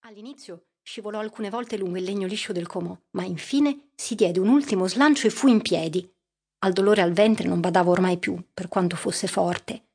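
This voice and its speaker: Woman narrator, audiobook reading, husky breathy tone, measured steady delivery. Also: medium pitch.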